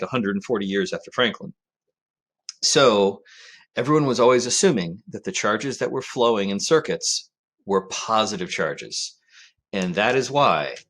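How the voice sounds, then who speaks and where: A male physics teacher giving a recorded lecture in a conversational way, often checking in with "right?" and pausing on fillers. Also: lowish voice, a bit bright.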